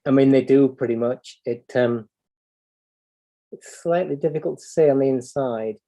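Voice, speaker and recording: A man with a British accent talks at a medium pitch, thinking aloud as an instructor would. His delivery is unscripted and explanatory, like someone showing practical work step by step. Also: normal speed, warm tone. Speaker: clock repair instructor and livestream host. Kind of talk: unscripted hands-on demonstration.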